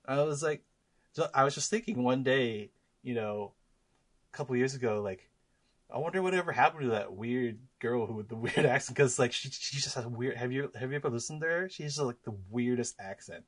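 A man of ordinary pitch co-hosting a loose casual chat. He rambles, restarts his sentences and laughs often between thoughts. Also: fairly quick. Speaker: co-host.

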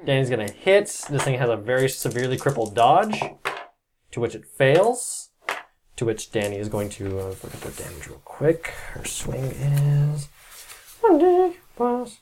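A man's voice: mid-range voice, lively intonation, moderate pace, noisy background. A man narrating a tabletop game as game master, loose and rambling, with plenty of swearing.

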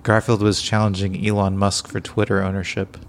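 Creaky-voiced man, low-key late-night podcast host. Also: level tone, moderate pace, slight background noise. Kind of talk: casual comedic podcast chat.

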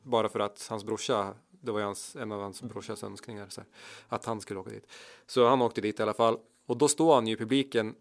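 A man's voice: on the low side, steady tone. A man co-hosting a casual chat, telling a long anecdote and acting out the people in it. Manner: rambling storyteller, acts out quotes. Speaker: podcast co-host, musician.

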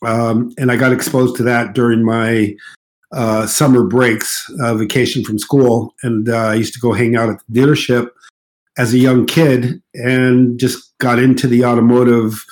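A man in his sixties from Morocco with a mid-American-sounding accent, a guest in a casual interview at his countryside home, talking in a relaxed, hesitant way with many fillers. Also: mid-range voice, moderate pace, low-quality recording. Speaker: guest car designer.

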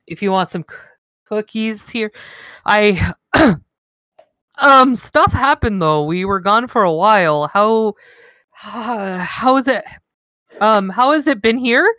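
A woman plays a flustered young male warrior in a tabletop game, stumbling over every word. He speaks slowly and haltingly, clearing his throat as he loses his nerve. The sound is dry and close. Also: mid-range voice, fairly bright tone, no room sound.

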